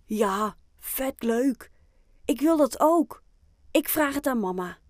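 A woman's voice: high-pitched, lively intonation, takes it slowly, darkish tone, dry recording, studio quality, voice pushed up. Woman doing an eager little penguin boy. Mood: excited. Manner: eager, bouncy, proud. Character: stubborn young boy penguin, excitable. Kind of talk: children's audiobook.

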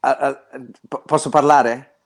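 A man's voice: mid-range voice, unhurried. Man calling in over a web line. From Belluno, northern Italy. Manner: lively, restarts words often. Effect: remote caller's voice over an internet line. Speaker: guest calling in to a radio show. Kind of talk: casual chat, telling a story.

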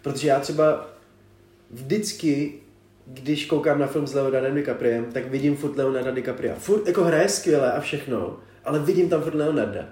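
A young man co-hosting a casual podcast, slangy and quick to agree, with lots of fillers. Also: medium pitch, a little mellow. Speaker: podcast co-host. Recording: echoey room.

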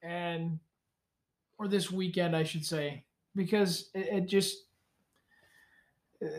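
A man's voice: sits high, fairly even intonation, takes it slowly. A young man co-hosting a casual sports podcast from a cold home garage, rambling and correcting himself as he talks. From Canada. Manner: rambling, self-correcting, laid-back. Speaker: podcast co-host.

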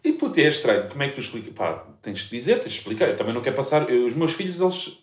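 Man, European Portuguese accent, thirties, lively swinging pitch, echoey room, casual storyteller. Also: racing. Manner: animated storyteller, swears freely, laughs often. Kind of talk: casual chat.

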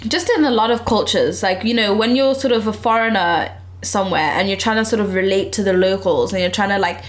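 A woman's voice: medium pitch, a little fast. A young woman telling a story in casual chat, full of "like" and "you know". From Uganda. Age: young adult. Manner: chatty, frequent "like" and "you know".

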